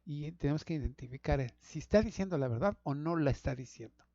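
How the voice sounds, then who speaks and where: A middle-aged pastor teaching a Sabbath school lesson to an online audience, talking conversationally, repeating words and calling listeners brothers. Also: male voice, fairly high pitch, lively intonation, fast, dark tone, no echo, dull audio.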